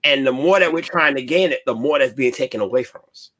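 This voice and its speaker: Radio host guy w a bright tense voice, earnest, keeps restarting his thoughts. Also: medium pitch, fast talker. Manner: earnest, searching questions with frequent restarts. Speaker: radio talk show host. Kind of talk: casual radio discussion.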